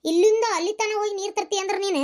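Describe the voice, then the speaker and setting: Casting: woman as a mocking village mother-in-law, North Karnataka Kannada accent, very high shrill voice. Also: steady tone, racing, a little mellow. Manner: scolding, mocking. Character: sharp-tongued older village mother-in-law. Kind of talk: village family skit.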